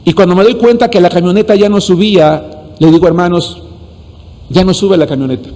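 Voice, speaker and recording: A man's voice: high voice, fairly quick, dark tone. A male pastor, preaching a sermon and telling a story, often calling out to his listeners and repeating words as he searches for them. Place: church sanctuary. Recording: long hall reverb.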